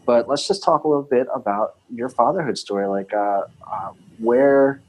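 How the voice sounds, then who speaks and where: Give me a relaxed male podcast host. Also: medium pitch, normal speed. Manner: relaxed, brief affirmations, calls guest "brother". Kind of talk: casual podcast interview.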